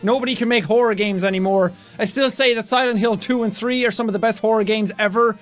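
A young man reading out and answering viewer comments in a casual vlog, talking loudly and playfully. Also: high-pitched, fast talker, faint music behind. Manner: loud, energetic, playful.

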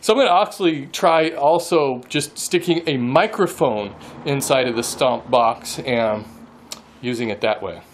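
A man's voice: medium pitch, a little slow, a little hiss or hum. A man in his forties, a woodworking channel host, chatting casually and laughing often while holding the camera at arm's length in his home wood shop. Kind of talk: casual vlog chat. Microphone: handheld camera at arm's length.

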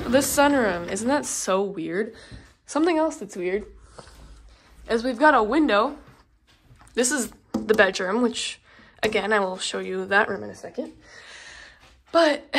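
Young woman doing a casual house tour vlog, chatty, lots of ums, faint hiss behind. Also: mid-range voice. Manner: chatty, with frequent ums and likes. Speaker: vlogger. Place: empty house, indoors.

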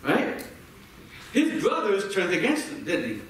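A man's voice: high voice, wildly swooping pitch, a little slow, fairly bright tone. A man preaching a sermon to a congregation, repeating words as he builds each point and calling for responses. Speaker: pastor. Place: church sanctuary. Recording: echoey sanctuary from far off.

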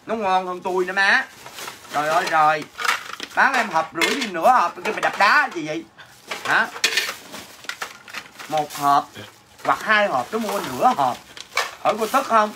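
A man's voice: high voice, noisy background. Brash Southern Vietnamese man doing comic livestream sales banter, clattering dishes behind him. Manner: brash, teasing, answers viewer comments mockingly. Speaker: livestream seller.

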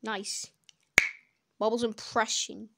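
A woman giving casual reaction commentary on videos, blunt and crude, swearing freely with sudden loud outbursts, into a desk microphone. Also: fairly high pitch, little pitch movement, slow, gravelly, heavy background noise.

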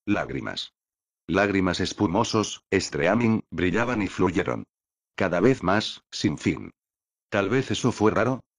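A man reading a light novel aloud as audiobook narration, in a slow, measured delivery. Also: low voice, no echo, studio quality.

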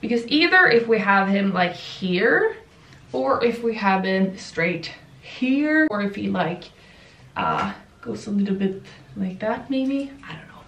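A woman chats to her camera in a slow, unhurried way, full of fillers and little asides. A slight lisp softens her words. Steady background noise sits under the voice throughout. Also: mid-range voice, creaky, recorded from a distance, poor audio. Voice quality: slight lisp from a mouth guard. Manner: chatty, rambling, lots of fillers. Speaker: vlogger. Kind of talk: casual vlog chat.

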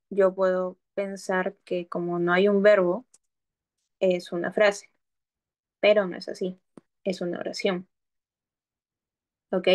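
Woman, teacher, patient, explanatory, online lesson, mid pitch. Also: a little mellow. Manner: patient, explaining step by step with examples; checks understanding often with "¿ok?".

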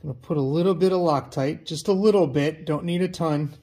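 A man's voice: a little high, a little fast, warm tone. A man talking casually and matter-of-factly to viewers as he does hands-on mechanical work in a garage, filming himself. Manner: informal, matter-of-fact. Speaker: DIY mechanic filming a build. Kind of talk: casual hands-on explanation to viewers while working. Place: garage workshop, working on a car. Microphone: camera set near the engine, off the speaker.

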